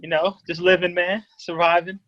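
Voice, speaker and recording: A man's voice: sits high, flat delivery, normal speed, a bit bright, highs cut off. A man from Kansas, a rapper guest, talking easily in casual slang on a video call.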